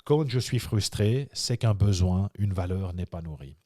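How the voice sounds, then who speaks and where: A man's voice: deep voice, measured pace, dark tone, dry recording, clean studio sound. A man coaching in a video workshop, talking with many fillers and repeated words, and acting out example inner thoughts. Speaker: life coach.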